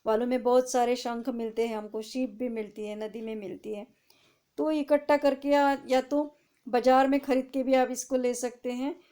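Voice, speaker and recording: Mellow-voiced woman teaching a class. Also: on the high side, steady tone. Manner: explains in Hindi, reads Marathi sentences aloud slowly, asks and answers own questions. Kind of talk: online class explanation.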